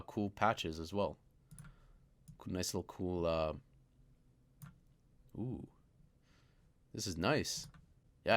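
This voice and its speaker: A man casually walking through a synthesizer plugin, thinking aloud with plenty of fillers and trailing remarks. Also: on the low side. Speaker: music producer reviewing a synth plugin. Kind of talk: casual screen-recorded software walkthrough. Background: synth sounds playing.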